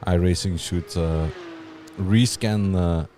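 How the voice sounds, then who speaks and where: Deep-voiced man, hesitant commentary. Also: slow pace, a little hiss or hum. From Belgium. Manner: hesitant, many uhs, laughs softly. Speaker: sim racing commentator. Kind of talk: live race commentary and banter.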